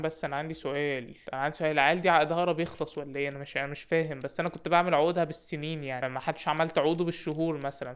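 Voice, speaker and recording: A young man with an Egyptian Arabic accent giving joking, excited commentary on a football game and shouting at his players. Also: fairly high pitch, slight background noise. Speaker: gaming YouTuber.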